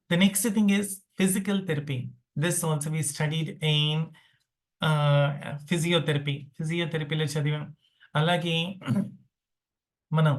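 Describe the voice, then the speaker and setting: A woman giving a classroom lecture as a medical transcription trainer, explaining terms and rephrasing them, mixing English words into her talk. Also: low-pitched.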